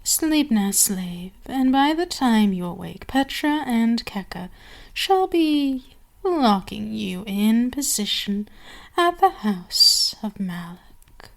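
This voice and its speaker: This time the ASMR vampire queen, cruel and seductive, sounds gloating and silky, her fairly high voice swinging widely in pitch and heavily acted. The woman still speaks haughtily and deliberately, with lingering pauses and breathy whispers.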